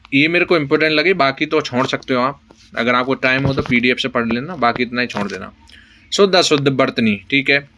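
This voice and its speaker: Bright-voiced male exam coach. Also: mid-range voice. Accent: Rajasthani Hindi. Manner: brisk listing of words with frequent "ठीक है" check-ins. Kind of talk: spoken lesson for exam preparation.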